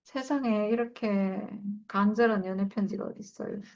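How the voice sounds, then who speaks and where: A woman's voice: mid-range voice, moderate pace, darkish tone. Earnest Korean woman leading Bible study. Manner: earnest, emotional, reads scripture aloud then reflects. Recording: dull lo-fi recording.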